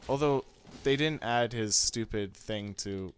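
A man's voice: on the low side, a little slow, slight background noise. A man giving casual let's play commentary on a game, chatting to the enemies and to his viewers. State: hiccups. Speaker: gaming YouTuber.

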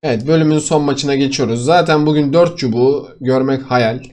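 In a casual live game commentary, a young gaming YouTuber talks his audience through his own match. His voice is mid-range, slightly fast, and darkish in tone, flipping between frustrated mutters and loud outbursts.

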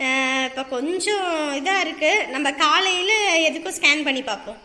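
A woman's voice: high voice, normal speed, pushed and bright, pitched below the performer's own voice. Woman playing a stern scolding doctor. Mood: exasperated scolding. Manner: stern, lecturing, exasperated. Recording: echoey room with long reverb.

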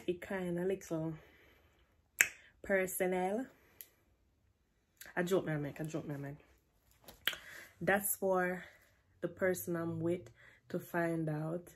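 This Jamaican woman in her twenties vlogs from her bedroom in a casual Q&A, her voice on the low side with a noisy background. She chats in a relaxed, playful way with a Jamaican accent, drifting into patois, recorded by a camera up close.

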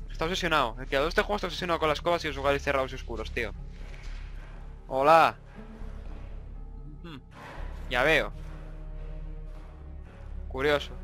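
A man's voice: a little high, pushed and bright. A young man from Spain with a Spanish accent, commentating a horror game he plays, swearing a lot and jumping between jokes and startled outbursts. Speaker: gaming YouTuber.

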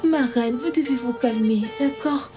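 An actress dubbing a servant woman who pleads with a crying queen to calm down. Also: sits high, measured pace, music in the background. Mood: soothing. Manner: soothing, pleading. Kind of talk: French film dub.

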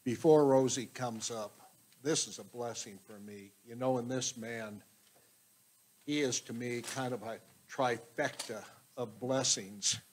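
An older pastor speaks into a handheld microphone in a small church. His voice is husky, and he introduces a fellow elder with affection. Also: mid-range voice, measured pace, poor audio.

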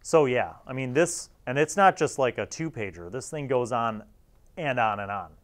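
A host in his forties chats informally and wryly to camera while going through old gaming magazines, recorded on a lapel mic in a small studio. He speaks in an animated, mid-range voice at a moderate pace.

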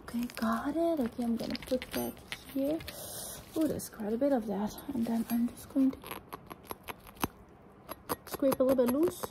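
A young woman doing a fast ASMR role-play as an examining doctor, murmuring short, repeated phrases in a hurried way. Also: fairly high pitch. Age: young adult. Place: indoors, small room at home. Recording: clearly noisy close recording with clicks.

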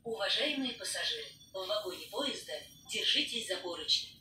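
A woman making measured, official announcements over a train intercom loudspeaker. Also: animated, faint music behind. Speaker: recorded transit announcer. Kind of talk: formal public announcements. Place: inside a moving train car. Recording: distant echoey loudspeaker in loud train. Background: loud rumbling train noise.

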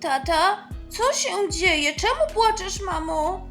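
A woman's voice: very high voice, expressive, slow, a bit bright, faint music behind, full character voice. A woman voicing a young boy, a caring but awkward older brother who speaks hesitantly. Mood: concerned.

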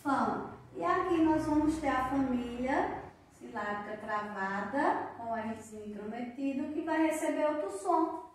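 A woman teacher with a Brazilian Portuguese accent giving a slow, patient literacy lesson to young children, sounding out syllables one by one. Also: high voice, expressive, a little hiss or hum. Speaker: primary school teacher. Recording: very echoey room, voice from a distance.

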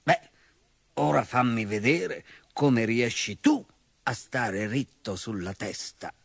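A man voicing a calm, patient male elephant in a storybook, speaking softly and unhurriedly. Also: mid-range voice, takes it slowly, creaky, husky, no room sound, studio quality, exaggerated voice.

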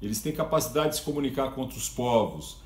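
A man's voice: mid-range voice, animated, fast, soft background music. Brazilian man reflecting in echoey room. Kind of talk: interview testimonial. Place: indoor room.

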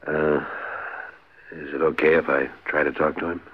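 Very deep, steady frontier marshal. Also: male voice, moderate pace, husky. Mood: concerned. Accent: American. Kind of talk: 1950s radio western acting. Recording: dull, noisy 1950s radio recording.

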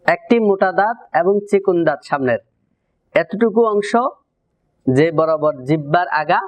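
A man teaching Quran recitation, giving a pronunciation lesson and drawing out syllables in slow repeated drills. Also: fairly high pitch, a little mellow. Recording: slightly dull lo-fi recording.

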